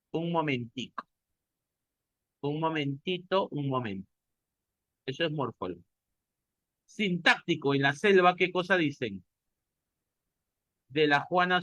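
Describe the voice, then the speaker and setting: Bright-voiced Peruvian man lecturing a class. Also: a little high, expressive, measured pace, long pauses, no echo, lo-fi sound. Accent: Peruvian Spanish. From Peru. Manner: asks the class questions and answers them himself. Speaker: teacher.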